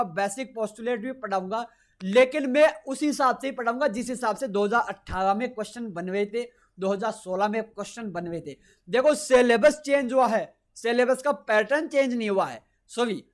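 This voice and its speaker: High-voiced emphatic physics teacher. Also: male voice. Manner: repetitive, emphatic, reassuring. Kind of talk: exam-prep lecture over screen notes.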